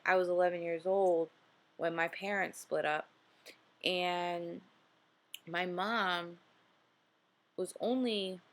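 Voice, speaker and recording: This is a woman in her twenties, late twenties specifically, hosting a casual motivational vlog with a New Jersey accent. Her lowish voice carries an earnest tone, full of fillers and frequent "okay?" check-ins.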